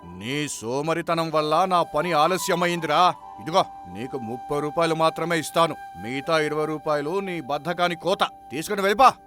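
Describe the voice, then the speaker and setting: A man's voice: a little high, moderate pace, music in the background, close to an everyday voice. A man playing a scornful stingy village boss. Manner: scornful, bullying. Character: harsh stingy village employer, middle-aged man.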